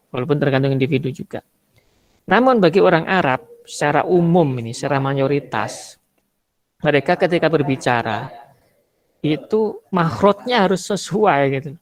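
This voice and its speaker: Indonesian guy teaching arabic rhetoric online, kinda high voice, gravelly, chatty. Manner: conversational, explains with spoken examples. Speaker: religious teacher.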